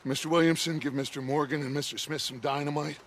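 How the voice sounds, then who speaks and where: An actor playing a middle-aged outlaw gang leader who speaks in a persuasive, theatrical, deliberate way. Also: male voice, on the high side, steady tone, close to an everyday voice. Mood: threatening. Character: smooth commanding male outlaw gang leader. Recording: game cutscene with loud wind and hooves.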